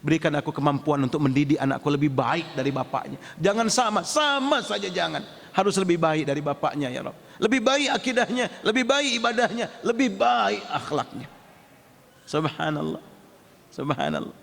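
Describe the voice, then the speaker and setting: Male preacher, high voice, lively storytelling sermon, long hall reverb. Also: moderate pace, creaky. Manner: lively, acts out household dialogue. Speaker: Islamic preacher.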